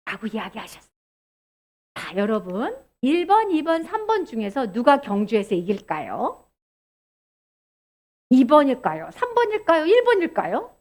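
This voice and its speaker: A woman preaches to children in a very high voice. Her pitch swings up and down with animated, sing-song energy. She keeps asking the children questions as she teaches. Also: moderate pace. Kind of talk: children's sermon.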